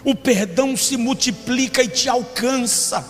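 A pastor preaching a dramatic sermon, slowing down and shouting for emphasis. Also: male voice, very high-pitched. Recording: long church reverb with faint music.

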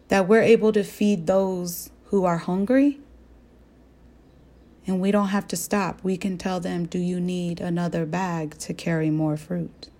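Woman, young adult, from the Southwest, podcast host, earnest storytelling, asks listeners questions, mellow tone. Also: mid-range voice. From American Southwest. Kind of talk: faith-based reflective talk.

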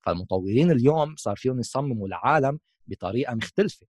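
Lively, quick Levantine Arabic-speaking man. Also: medium pitch, no room sound, clean studio sound. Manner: mixes English terms into Arabic. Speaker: host of a gaming discussion. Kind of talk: casual explanatory tech talk.

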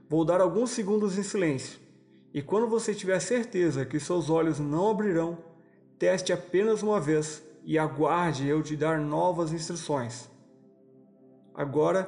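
A Brazilian man with a fairly high, creaky voice leads a guided hypnosis session in the manner of a sleep story narrator. He gives soothing, slow instructions and leaves pauses between them. Music plays behind his voice. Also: a little mellow. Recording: voice over background music.

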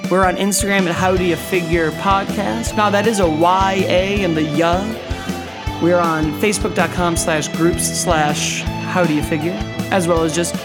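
A man's voice: high voice, fairly even intonation, normal speed, over loud music. A man hosting a podcast in a casual, conversational way. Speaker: podcast host.

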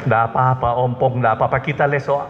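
A man's voice: mid-range voice, fast talker, crowd noise. A man with a Manado Malay accent preaching a humorous sermon, joking and quizzing the congregation with call-and-response questions. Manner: joking, animated, keeps addressing the congregation. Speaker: pastor. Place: church hall. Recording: dull sound with long hall reverb.

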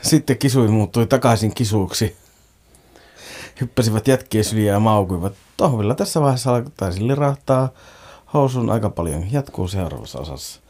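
A man's voice: lowish voice, animated, darkish tone. A man co-hosting a podcast, reading a listener's story aloud in a playful way, swearing and ad-libbing. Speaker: podcast co-host.

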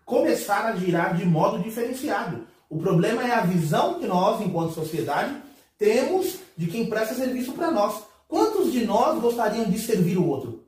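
A man's voice: sits high, darkish tone. Emphatic man in an echoey room. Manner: emphatic, repeats words when building a point. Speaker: podcast panelist. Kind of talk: heated roundtable debate. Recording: echoey room, mic at a distance.

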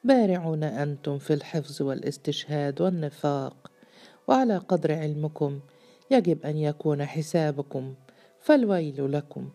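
A woman's voice: low voice, lively intonation, normal speed, warm tone, soft background music. A woman voicing a stern, mocking male jinn freed from a bottle, speaking with severe, scornful preaching. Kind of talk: storybook reading.

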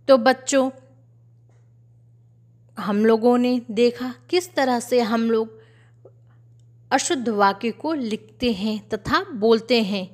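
Woman teacher giving a slow, methodical spelling lesson for children; fairly high voice. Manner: slow, careful, repetitive drilling.

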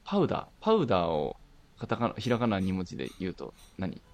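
Gravelly, lively man with a Nagoya accent. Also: low-pitched, fast talker. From Nagoya, Japan. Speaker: podcast co-host. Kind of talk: casual chat.

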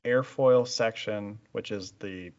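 Man, podcast co-host, casual chat, easygoing, explanatory, lowish voice, dull lo-fi sound. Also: slow, a little mellow.

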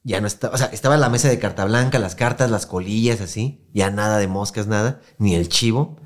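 A man's voice: on the low side, a little fast. Slangy Mexican man telling a story. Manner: slangy, animated, acts out quoted voices. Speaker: podcast host. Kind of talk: casual storytelling chat.

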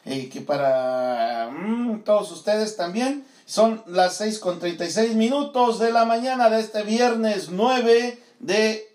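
A man's voice: high voice, expressive, takes it slowly, darkish tone. Man, morning show host, rambling with fillers, echoey room. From Tierra Caliente, Michoacán, Mexico. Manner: rambling, many fillers and laughs. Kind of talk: casual morning show chat.

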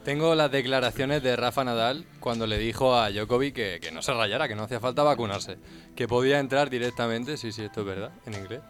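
A young man co-hosting a casual podcast, dropping deadpan quips. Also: medium pitch, fairly quick, faint music behind. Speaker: podcast co-host. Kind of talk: casual chat.

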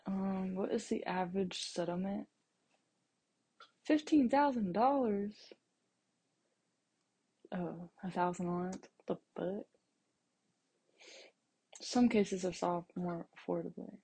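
Husky young woman rambling on a podcast. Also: mid-range voice, slow pace, pauses often, mellow. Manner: rambling and self-deprecating, with asides to listeners. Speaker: podcast host. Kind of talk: casual solo podcast monologue.

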